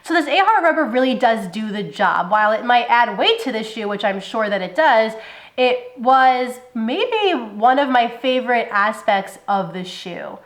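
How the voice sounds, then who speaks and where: A candid, sassy woman reviews running shoes in a casual vlog, speaking a little higher than most women. Her voice rings around an echoey room. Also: a bit bright.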